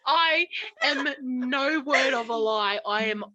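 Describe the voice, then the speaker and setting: A woman's voice: sits high, slow, lo-fi sound, noisy background. A woman, co-hosting a podcast, telling stories in casual chat and laughing often. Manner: giggly storyteller, often laughing. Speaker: podcast co-host.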